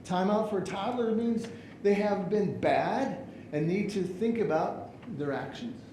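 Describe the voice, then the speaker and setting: A male pastor with a high, mellow voice preaches to his congregation and slips into the voices of the people in his stories. The sound is roomy and echoey, with a faint hum behind it. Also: measured pace. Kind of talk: sermon. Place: church sanctuary.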